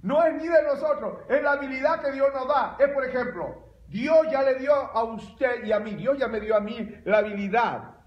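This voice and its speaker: A male pastor preaching a sermon, animated and emphatic, with bursts of loud exclamation. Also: very high-pitched, normal speed, reverberant, highs cut off. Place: church sanctuary.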